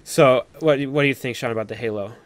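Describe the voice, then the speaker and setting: With a mid-range voice and quick pace, a man hosts a live stream panel in a loose, casual chat. His speech wanders, stuffed with filler and plenty of "like."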